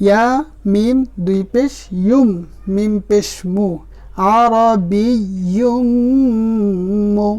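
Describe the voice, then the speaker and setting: A man's voice: high-pitched, fairly even intonation, dark tone. Patient man spelling out Quran lessons. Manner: spells letters and vowel marks slowly, then stretches the words long; patient, addresses the viewer directly. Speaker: Quran reading teacher.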